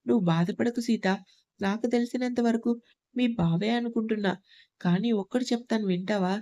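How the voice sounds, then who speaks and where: A woman voicing a caring young man who acts as a protective older brother, gentle and reassuring. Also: on the high side, normal speed, no room sound, lightly acted.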